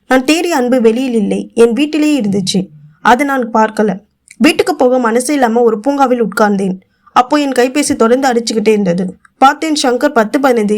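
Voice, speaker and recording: Quiet, confessional woman storyteller. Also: fairly high pitch. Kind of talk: first-person story narration.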